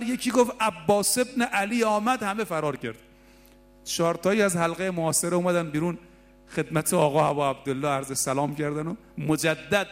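A man preaching a sermon, passionate, moving between soft asides and raised exclamations. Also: fairly high pitch. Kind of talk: religious sermon.

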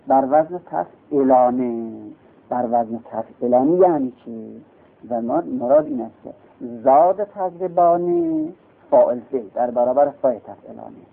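In a tinny, lo-fi recording, a male teacher with a medium-pitched, gravelly voice lectures his class. He works through things step by step, raising questions and answering them himself.

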